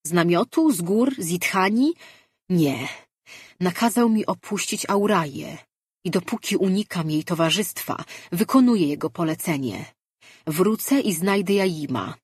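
An earnest, troubled young man of a fantasy storybook, read by a woman. His voice is low, husky and unhurried, close and dry. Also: lively intonation, no echo, heavily acted. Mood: firm. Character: troubled young male dream weaver, earnest.

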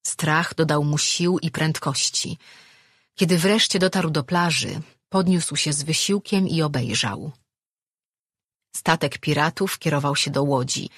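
Husky-voiced audiobook narrator. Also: mid-range voice, no room sound, studio quality. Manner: steady storytelling.

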